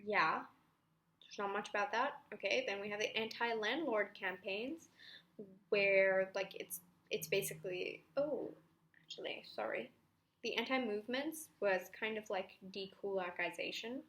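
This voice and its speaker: A woman's voice: mid-range voice, unhurried, a bit bright. A young woman talking through history revision notes in a casual, chatty way, with self-mocking asides and the odd whisper. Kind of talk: casual study-video explanation.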